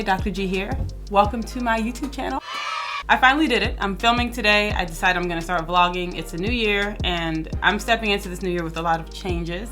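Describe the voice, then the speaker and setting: A woman in her thirties talks quickly and candidly to camera, her voice bright and forward, with a fairly low pitch for a woman. She keeps an upbeat, chatty vlog tone. Faint music plays behind her. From southern United States. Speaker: vlogger and business owner. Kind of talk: casual vlog talk to camera. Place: her office.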